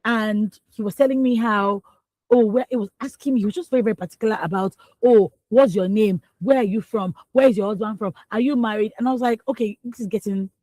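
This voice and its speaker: Co-hosting a radio newspaper review from the studio, a young Nigerian woman reads headlines and then gives emphatic, exclamatory opinions, laughing between points. Her mid-range voice moves at a quick pace, captured in a dry, poor-quality recording.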